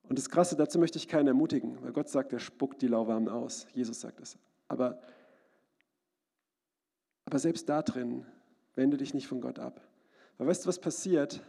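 A man delivers a sermon in a church hall, earnest and personal, now and then breaking into loud cries. His voice is gravelly and husky, dark in tone, sitting a little high for a man. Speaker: preacher.

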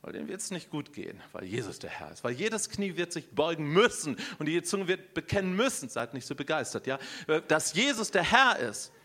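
A middle-aged man preaching to a congregation, his voice sitting a little higher than most men's. He swings between ringing, emphatic lines and sudden hushed stretches, and keeps throwing questions out to the listeners. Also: a little fast, hardly any pauses. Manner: animated, swings from loud emphasis to hushed quiet; addresses the congregation directly with questions. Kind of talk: sermon.

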